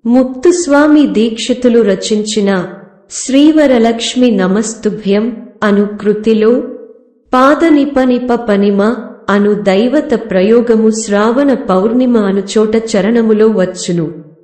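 Slow, measured woman in an echoey room. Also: a little high, mellow. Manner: slow, measured recital of terms and lists. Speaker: music teacher. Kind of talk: scripted lecture on a raga.

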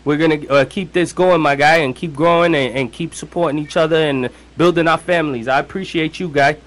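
A man's voice: on the high side, a little fast, fairly bright tone. A man in his thirties with a Brooklyn accent hosts a radio show from a studio, bantering casually in slang, swearing and repeating his phrases. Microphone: close studio microphone with headphones.

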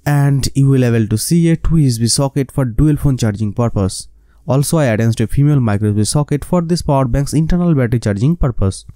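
Bengali-accented man with a dark, mellow voice. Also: mid-range voice, fast, dry recording. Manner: non-fluent English with unusual grammar. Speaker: host of a DIY electronics channel. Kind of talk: scripted how-to narration.

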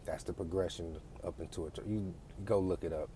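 A man's voice: low voice, steady tone, brisk, warm tone, a little hiss or hum. A man giving a blunt, profane, lecturing rant straight to his audience. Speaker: vlogger. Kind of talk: casual ranting monologue.

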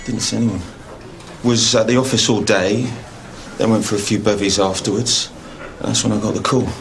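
An actor playing a resentful boyfriend under questioning, with a British accent, in a TV drama. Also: male voice, lowish voice, fairly even intonation, normal speed, creaky, a little hiss or hum. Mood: guarded. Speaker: victim's boyfriend. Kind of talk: British TV police drama acting.

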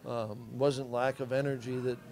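Flat-voiced middle-aged coach. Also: male voice, mid-range voice, normal speed. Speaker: head football coach. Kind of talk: postgame press conference answers.

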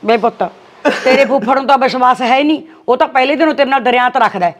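A woman's voice: high-pitched, racing, close to an everyday voice. An actress playing an anxious middle-aged village aunt who keeps coaxing her nephew, with a Malwai Punjabi accent. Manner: coaxing, insistent, repeating "son". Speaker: paternal aunt. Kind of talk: web series acting.

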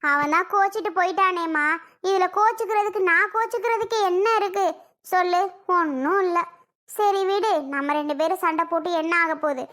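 A performer with a very high, bright voice plays a fretting middle-aged mother-in-law in a family comedy skit, pleading and scolding by turns. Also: fairly quick.

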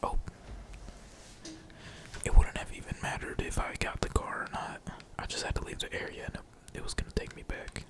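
While gaming, a young streamer whispers casual commentary at a moderate pace in a breathy, unvoiced whisper. He rambles, uses lots of slang and curses freely.

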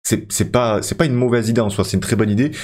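This gaming YouTuber, a Frenchman in his thirties, commentates his football career game in a quick, slightly mellow mid-range voice. He talks to viewers like friends, chatty and loaded with fillers.

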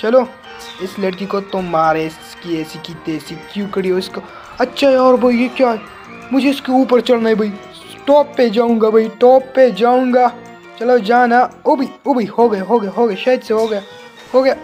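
A man giving excited let's-play commentary as a gaming channel host. He yelps, repeats words over and over, and keeps calling the viewer brother. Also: very high voice, normal speed, soft background music.

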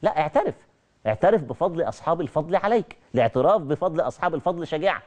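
A middle-aged man with an Egyptian Arabic accent giving a televised religious lecture, animated and repeating his key phrases. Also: fairly high pitch, rapid-fire.

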